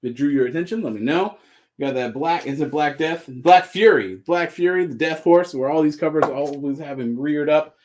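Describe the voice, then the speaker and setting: This is a man hosting a live sale stream, talking fast and breezy in an upbeat pitchman style. His voice sits a touch higher than most men's, and he keeps the patter light and joking as he moves through each item. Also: a little mellow. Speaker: host selling comics on a live stream. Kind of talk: live sales chat.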